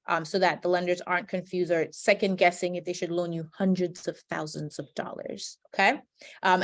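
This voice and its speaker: A woman from Trinidad teaching budgeting and credit basics in a webinar, explaining step by step and checking in with "right?" as she goes. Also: lowish voice. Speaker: financial educator. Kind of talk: webinar presentation. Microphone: video call.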